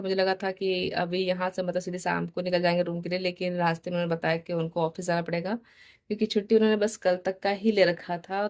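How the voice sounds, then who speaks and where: Low, flat-voiced woman vlogging. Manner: chatty, mixes English into Hindi. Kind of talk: casual family vlog.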